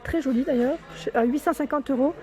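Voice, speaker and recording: Chatty high-voiced woman touring a store. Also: brisk, warm tone. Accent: southern French. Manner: chatty, enthusiastic, many fillers and "hein". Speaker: home decor vlogger. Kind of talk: casual store walkthrough vlog. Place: furniture store showroom, indoors.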